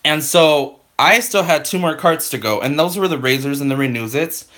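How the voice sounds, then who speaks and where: A man with a fairly high voice tells a long story on a live stream, casual and unscripted. He rambles and sounds exasperated, restarting his sentences and leaning on "I'm all like" and "you know". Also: normal speed, a bit bright.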